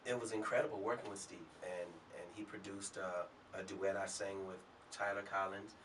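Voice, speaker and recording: Bright-voiced man telling stories. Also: low voice, moderate pace, distant mic, a little hiss or hum. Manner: relaxed anecdotal storyteller. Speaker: guest, singer. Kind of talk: storytelling in an interview. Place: talk show studio.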